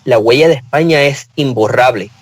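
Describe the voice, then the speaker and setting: Puerto Rican man, mid-pitched, earnest storyteller on a talk panel, dry close recording. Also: moderate pace, no room sound, poor audio. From Puerto Rico. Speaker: panel guest. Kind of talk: casual panel discussion.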